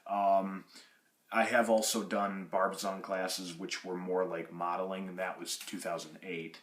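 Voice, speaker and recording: Deep-voiced and a little slow, a Russian-born acting hopeful in his twenties, raised in Michigan, wanders through audition questions with many fillers and restarts. His level tone is slightly bright, set in an echoey room with slight background noise.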